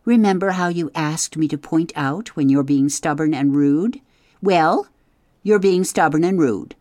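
A reader voicing a practical, sharp-tongued female beaver who scolds her husband. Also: medium pitch, no room sound, clean studio sound, pitched above the performer's own voice, close to an everyday voice. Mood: scolding. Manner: brisk, scolding.

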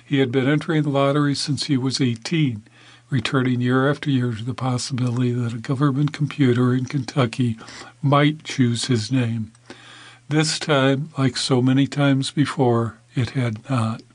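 A man reading a news article in a measured, even scripted narration, with the odd small slip. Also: mid-range voice, husky, no room sound.

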